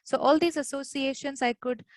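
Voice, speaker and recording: A woman's voice: sits high, steady tone, moderate pace, no room sound, poor audio. A woman from India giving an academic webinar lecture over a video call, explaining patiently with frequent "uh" fillers. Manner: hesitant, many "uh" fillers, explanatory.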